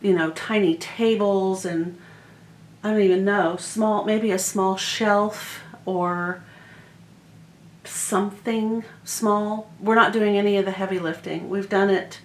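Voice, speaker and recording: Female home vlogger, mid-pitched, informal and chatty, talking straight to viewers in a very echoey room. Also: steady tone, slow. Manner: rambling, informal, addresses viewers directly. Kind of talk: casual chatty home vlog. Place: indoors, emptied rooms of a house.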